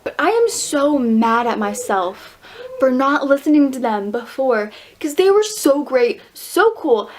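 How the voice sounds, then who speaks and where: A woman's voice: sits high, very animated, a little slow, slight background noise. A teenage girl vlogging in a casual, bubbly way, giggling often and filling her talk with "like". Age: teens. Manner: bubbly, giggly, lots of "like" fillers. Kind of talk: casual vlog narration.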